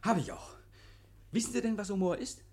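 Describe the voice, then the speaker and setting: In a 1950s radio play, an actor voices a nervous, over-eager murder suspect who is effusive, stammers, and repeats himself. His male voice sits high, with a brisk pace and a darkish tone, and he sounds manically cheerful.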